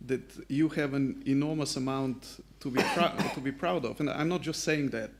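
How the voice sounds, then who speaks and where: A man's voice: mid-range voice, normal speed. A man from Slovenia speaking as a panelist at a conference, laying out his points in an assertive, structured way.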